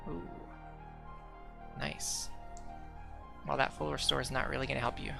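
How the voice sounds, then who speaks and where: A man's voice: medium pitch, little pitch movement, unhurried, gravelly. A young man casually commenting while streaming a game, rambling with lots of fillers and restarts. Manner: rambling, many "like" fillers, self-correcting. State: hiccuping. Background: faint background music.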